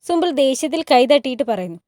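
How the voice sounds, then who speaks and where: A woman storyteller retelling a TV drama in steady narration. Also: high-pitched, fast talker, dry recording, studio quality.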